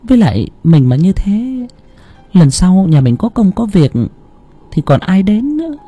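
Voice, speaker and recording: A nagging, fretful wife, as a male narrator puts her on, with a raised, thin pitch and slow, worried phrasing. The tone stays mellow and husky. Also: very animated, no room sound, muffled recording, soft background music, heavily acted. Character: fretful middle-aged wife, uneasy.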